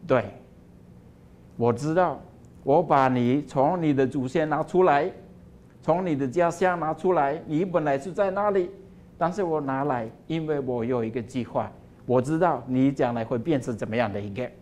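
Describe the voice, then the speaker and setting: A man voicing a patient male potter who speaks in a low, quiet, unhurried way during a homily story. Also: close to an everyday voice. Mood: calm.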